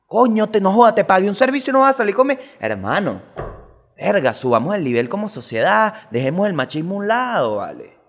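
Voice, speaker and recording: A man's voice: sing-song, a bit bright, long reverb tail. Swearing Venezuelan man ranting. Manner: rapid, swearing rants with big jumps in pitch. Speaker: host. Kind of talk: comic news commentary.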